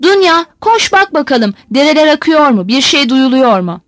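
A woman reader voicing a bossy old fisherman father who snaps at the women of the house and hands out orders. the reading stays lively and high, recorded close and dry. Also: moderate pace, no room sound. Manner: bossy, impatient, commanding.

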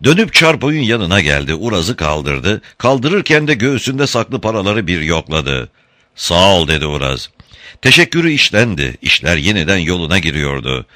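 A man narrating a novel in an expressive storytelling manner. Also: sits low, normal speed, no echo, studio quality. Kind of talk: audiobook narration.

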